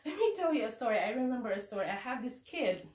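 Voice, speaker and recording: A woman teacher giving an animated, encouraging talk to fellow teachers, often checking in with "okay?". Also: fairly high pitch, quick pace, recorded from a distance. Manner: animated, tag questions like "okay?". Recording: roomy echo, away from mic.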